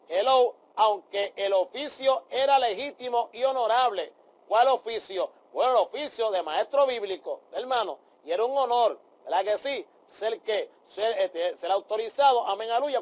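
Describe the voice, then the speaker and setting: A man's voice: high-pitched, darkish tone. A man teaching a Bible study, fervent and peppering his talk with amén and aleluya as he addresses his brothers. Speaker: preacher.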